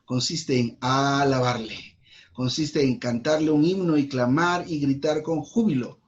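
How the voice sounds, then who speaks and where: A man with a Guatemalan accent leading a church Bible study, reading verses and explaining them slowly, repeating key words for emphasis. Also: mid-range voice. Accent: Guatemalan Spanish. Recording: dull lo-fi recording.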